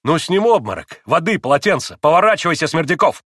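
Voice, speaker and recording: A man voicing an angry, sharp-tongued young man who shouts at his father, in an audiobook. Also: a little high, sing-song, fast, husky, dry recording, studio quality, voice pushed up, heavily acted.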